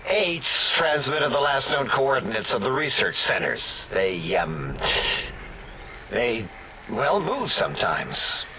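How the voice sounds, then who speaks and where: A scatterbrained scientist brain from a video game, rambling and trailing off into sarcastic asides. His bright voice swoops all over the place. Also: medium pitch, big pitch swings, slow, a little hiss or hum, exaggerated voice, rough recording. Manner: meandering, hesitant, with sarcastic asides.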